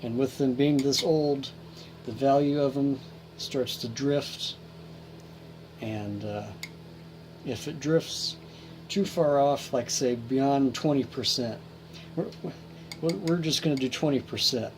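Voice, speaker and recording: A man with a mid-range voice hosts a hobby electronics repair series, walking through a hands-on tutorial step by step in an informal, folksy way and thinking aloud. He takes it slowly with long pauses, and the homemade video carries distinct background noise.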